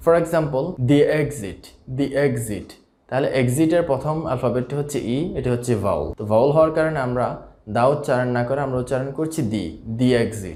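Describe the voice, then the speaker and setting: A man teaching a spoken English lesson, explaining rules patiently and repeating each example slowly. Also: medium pitch, a little mellow. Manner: slow, repetitive explanation with drawn-out examples. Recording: echoey room.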